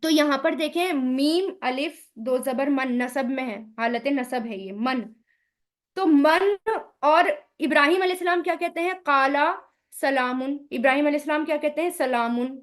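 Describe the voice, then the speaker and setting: A woman with a high voice teaches Quranic Arabic grammar in a recorded lesson. She poses questions to her listeners and answers them herself, sounding out each vowel sound slowly.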